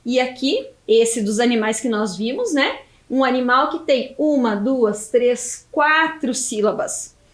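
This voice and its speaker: A Brazilian Portuguese woman teaches young children in a video lesson. Her voice sits high and swoops up and down a lot, and she draws words out syllable by syllable. It sounds like a roomy, echoey space. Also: lively intonation. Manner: slow, stretched syllables when spelling out words. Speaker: primary school teacher.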